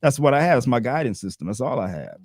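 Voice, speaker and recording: A man co-hosting a podcast, talking in a relaxed, conversational way and often adding "you know what I'm saying.". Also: mid-range voice, fast, no room sound, clean studio sound. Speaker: podcast co-host. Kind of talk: casual debate talk.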